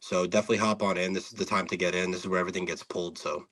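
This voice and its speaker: A man's voice: sits low, little pitch movement, rapid-fire, fairly bright tone. A man appearing as a guest on a casual chat show, laid-back and joking as he plugs his streams. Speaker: guest, card breaker.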